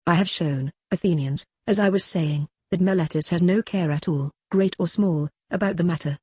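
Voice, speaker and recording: A reader voicing an aged philosopher on trial, cross-examining his accuser in a measured, questioning way in a dramatic reading. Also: medium pitch, a little mellow, slightly rough, no echo, clean studio sound, lightly acted. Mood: probing. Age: older. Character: aged male philosopher on trial, probing, ironic. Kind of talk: dramatic reading of a classical dialogue.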